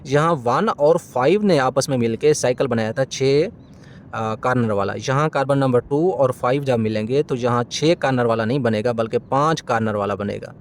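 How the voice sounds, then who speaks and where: A male chemistry lecturer at a mid-range pitch teaches step by step from a diagram. He keeps throwing questions at his students and answering them himself, and often stops with a quick "sorry" to fix a slip. A faint low rumble runs underneath. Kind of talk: classroom lecture explaining a diagram.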